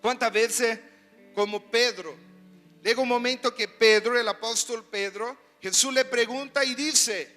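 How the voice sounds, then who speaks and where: A man preaching a sermon as pastor, animated and full of rhetorical questions, in a church hall. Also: very high voice, a little slow. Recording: reverberant hall with soft music.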